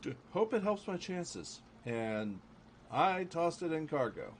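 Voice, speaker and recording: A man's voice: a little high, very animated, takes it slowly. A man streaming a game, muttering short, casual remarks to himself as he plays. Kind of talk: casual gameplay commentary. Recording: clearly noisy, game sounds behind. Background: video game ambience.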